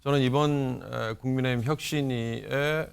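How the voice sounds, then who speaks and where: A male political commentator with a mid-pitched, ordinary voice gives his view on a studio panel. He speaks in a measured way, slipping in idioms and old sayings. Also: fairly even intonation, gravelly, smooth. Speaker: media institute director, political commentator.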